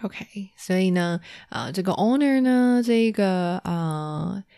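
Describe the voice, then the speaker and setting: A woman's voice: medium pitch, lively intonation, takes it slowly, vocal fry, mellow, clean tone, dry recording, studio quality. A woman from Taiwan, a native Mandarin speaker with a Taiwanese accent, hosting a casual bilingual language lesson and repeating key words as she explains. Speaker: Mandarin teacher and host.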